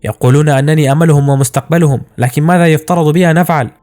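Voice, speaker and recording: A man playing a gentle, earnest young man. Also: a little high, steady tone, rapid-fire, natural voice. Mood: earnest, frustrated. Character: gentle young male musician, bullied but hopeful.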